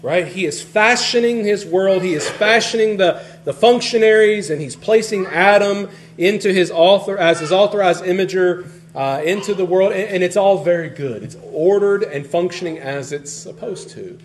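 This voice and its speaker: A man preaching a sermon in a conversational, animated way, often restarting phrases and swinging between loud and soft. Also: high voice, normal speed, slight background noise. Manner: conversational, animated, frequent restarts, varies loudness widely.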